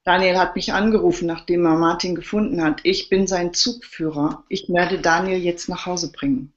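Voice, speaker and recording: A woman's voice: fairly low pitch, steady tone, normal speed, lightly acted. A woman voicing a firm, protective male fire brigade leader, in a dull lo-fi recording.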